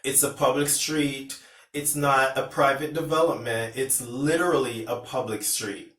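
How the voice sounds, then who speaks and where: A man's voice: medium pitch, steady tone, unhurried, fairly bright tone. A man from Pennsylvania telling a personal story to camera in a casual, rambling way, with restarts and retold dialogue. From Pennsylvania, USA. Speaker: vlogger. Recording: roomy, distant from the mic.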